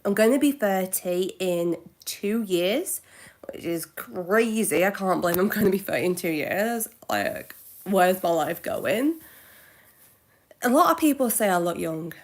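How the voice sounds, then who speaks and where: A woman in her twenties chatting casually on a live Q&A stream, halting and correcting herself now and then. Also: mid-range voice, lively intonation. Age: 20s. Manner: halting, self-correcting, with soft asides. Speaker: livestreamer.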